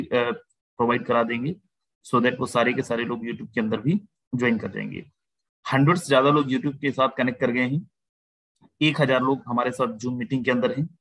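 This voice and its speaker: Husky man pitching a webinar. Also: a bit bright, dry recording, rough recording. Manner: persuasive, addresses listeners as "my friend", mixes English phrases. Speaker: webinar host. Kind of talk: online sales webinar pitch. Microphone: video call.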